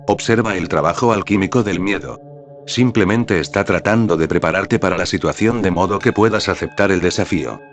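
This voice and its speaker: Deep-voiced man narrating a spiritual talk. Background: faint background music.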